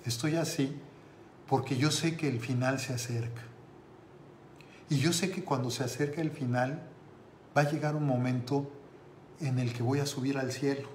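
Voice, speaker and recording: A grieving old lama speaks slowly and sadly, as a storyteller lightly puts him on. The voice sits at an ordinary middle pitch. A roomy echo surrounds it, with faint background hum. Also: male voice, steady tone, lightly acted. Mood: sorrowful. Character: tearful old male lama fearing judgment.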